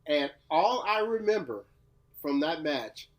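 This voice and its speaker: A man's voice: on the high side, sing-song, slow pace. A man from Louisiana, co-hosting a casual podcast chat in a playful, teasing way. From Louisiana, USA. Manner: laid-back, playful, teasing. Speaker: podcast co-host.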